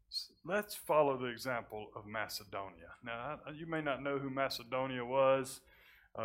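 Bright-voiced impassioned male preacher. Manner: impassioned, swells loud and high on key points, then drops low and quiet; folksy, plain-spoken preaching with repetitions. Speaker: pastor. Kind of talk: sermon.

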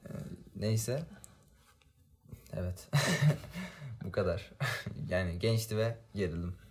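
A man's voice: fairly low pitch, lively intonation, takes it slowly, darkish tone. A young man casually telling childhood stories to friends, laughing often and using slang. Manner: storytelling with frequent laughs and slang. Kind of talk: casual chat among friends.

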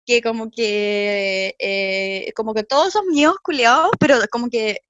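A young Chilean woman tells stories to her friends in a high, bright voice, laughing and acting out what others said. Her voice is recorded close and dry, with no room sound. The chat is casual and quick to joke. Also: no room sound, lo-fi sound. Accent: Chilean Spanish. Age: young adult. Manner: animated storyteller, laughs often, acts out quotes.

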